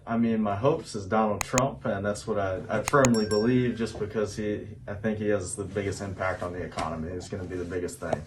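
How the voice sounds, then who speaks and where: A man's voice: lowish voice, fairly even intonation, a little fast, few pauses, noisy background. A young man answering street interview questions in a casual, somewhat hesitant way.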